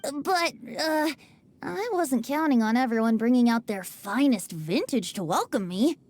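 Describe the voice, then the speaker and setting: A woman's voice: on the high side, expressive, a little slow, darkish tone. A woman voicing a playful, wine-loving wind god who takes the form of a youthful bard in a video game, teasing and laughing often. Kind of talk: video game character dialogue. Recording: game audio with faint music.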